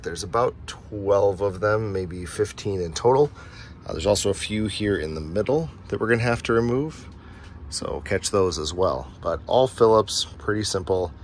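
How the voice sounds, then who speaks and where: A man hosting a casual DIY how-to video, explaining step by step in an informal way, in a basement room. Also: on the low side. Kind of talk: casual how-to repair narration. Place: noisy basement furnace room at home. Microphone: handheld camera's microphone. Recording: background noise from basement furnace room.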